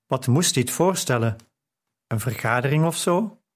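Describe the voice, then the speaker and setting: A man narrating an audiobook in a calm, unhurried reading style. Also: medium pitch. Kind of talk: scripted narration.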